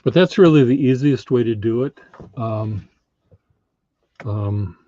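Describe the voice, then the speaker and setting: A man in his fifties hosting a casual livestream from a cluttered home studio, talking haltingly with many fillers. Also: medium pitch, mellow. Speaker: livestream host. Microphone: webcam on a video call. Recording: dull lo-fi, dry.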